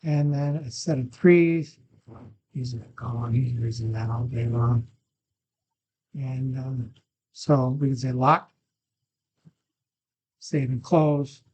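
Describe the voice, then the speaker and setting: A man with an average-pitched voice gives a casual, unscripted tutorial. He thinks aloud as he works through each step. The sound is a bit muffled, as from a makeshift microphone. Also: takes it slowly, long pauses, darkish tone, slight background noise. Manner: informal, thinking aloud, occasional throat clearing. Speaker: poker strategy video presenter. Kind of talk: casual screen-share tutorial, talking off the cuff. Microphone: makeshift mic, not a dedicated one. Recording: muffled, without a proper microphone.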